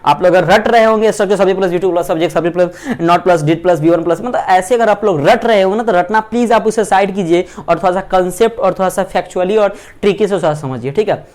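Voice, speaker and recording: A man teaching English grammar, asking himself questions and slowly spelling out sentence structures. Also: high voice, a little mellow. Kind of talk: Hindi lecture on English grammar.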